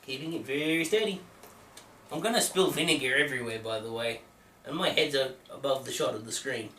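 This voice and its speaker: A man co-hosting a casual comedic chat rambles, puts himself down, and trips over his words. His mid-range voice is a little fast and fairly bright, with a little hiss or hum. He sounds distant, in an echoey room.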